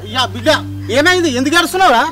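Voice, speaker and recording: Man as fretful Telangana village dad, loud and pleading, high-pitched and quick, music underneath. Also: expressive. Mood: anxious. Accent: Telangana Telugu. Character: worried village father, protective of daughter. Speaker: father. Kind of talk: village family drama acting.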